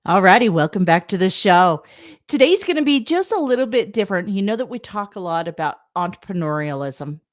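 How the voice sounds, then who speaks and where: A woman hosting her own podcast, talking in an earnest, emphatic way. She stretches out the words she wants to land and carries a steady, everyday pitch. It comes across as a friendly conversation. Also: fairly quick. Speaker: podcast host. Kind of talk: podcast interview.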